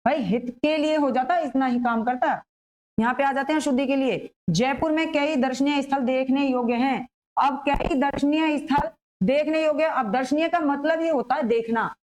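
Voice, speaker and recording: A woman teaching an exam-prep grammar class in a high, light voice. She talks her students through each example, asking a question and then answering it herself. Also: darkish tone, rough recording. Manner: explains slowly, asks and answers her own questions.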